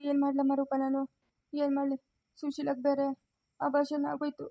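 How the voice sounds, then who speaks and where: A woman's voice: high voice, completely flat delivery, moderate pace, gravelly, dark tone. A woman playing a restless, dazed village father. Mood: helpless. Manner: insistent, repeats himself. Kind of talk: family village drama.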